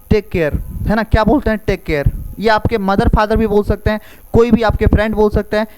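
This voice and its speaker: A man teaching a spoken English lesson, repeating each phrase slowly and quizzing the listener with questions. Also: high voice, slight background noise, poor audio. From India.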